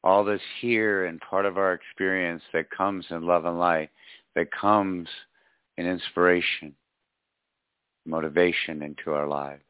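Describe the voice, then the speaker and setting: A man leading a spiritual guided meditation in a slow, soothing, hypnotic way, with long pauses and repeated phrases. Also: deep voice, fairly even intonation, clean tone, dry recording. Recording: dull lo-fi audio, music behind. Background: faint music.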